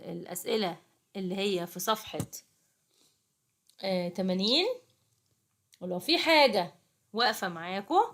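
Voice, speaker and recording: A young woman with an Egyptian accent works through a lesson with second graders. She talks casually and coaxingly, often breaking off and restarting, and calls her pupils in to look along with her. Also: mid-range voice. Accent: Egyptian Arabic. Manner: chatty, coaxing, addresses pupils directly, frequent restarts. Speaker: private tutor teaching second graders. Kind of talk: casual classroom explanation.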